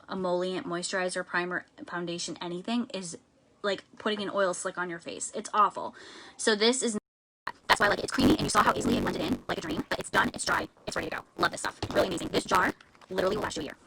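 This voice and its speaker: A woman with a gravelly, creaky voice and a very rapid delivery, walking viewers through her makeup in a chatty live stream from home. She explains each step in close detail. There is clear background noise on the recording. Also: mid-range voice. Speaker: beauty influencer. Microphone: live-stream camera mic.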